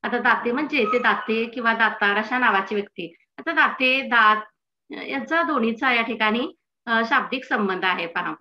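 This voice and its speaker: A woman's voice: a little high, normal speed, bright, forceful tone, slight background noise. A woman teacher explaining a textbook chapter to students in an explanatory manner, often prompting them to "see".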